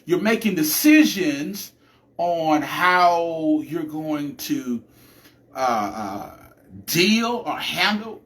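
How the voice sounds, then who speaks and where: Animated man hosting a live podcast. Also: sits high. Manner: animated, chatty, preacher-like cadence with many restarts. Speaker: podcast host.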